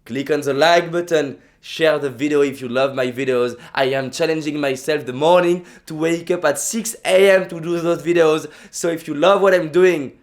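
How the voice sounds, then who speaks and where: The young man's pitch is fairly high, his speed normal, and he pauses little. He's a native French speaker from France with a French accent, delivering a fervent motivational vlog full of repetition and restarts.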